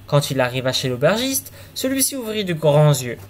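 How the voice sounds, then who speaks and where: A man's voice: on the high side, very animated, normal speed. A man reading a fairy tale aloud, now and then stumbling and restarting words. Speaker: storyteller.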